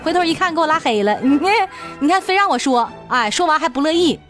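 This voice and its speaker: A woman with a Northeastern Chinese accent, hosting a radio comedy show and telling funny stories in an animated, laughing way. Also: high-pitched, fast talker, loud music behind the voice. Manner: animated, laughing, puts on voices. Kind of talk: comic storytelling monologue.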